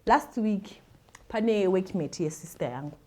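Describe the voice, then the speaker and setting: A woman with a Zimbabwean accent hosts a show where she reads listener confessions and gives advice. Her medium-pitched voice is warm, expressive and a little slow, and she tells stories casually, repeating words and acting out the retellings.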